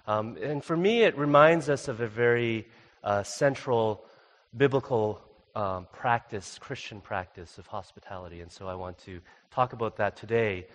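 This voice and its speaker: A man's voice: on the low side, normal speed. Young male guest preacher, chatty storytelling style, church reverb. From Canada. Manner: casual, many fillers, animated when telling the story. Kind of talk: storytelling sermon. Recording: long reverb of a church hall.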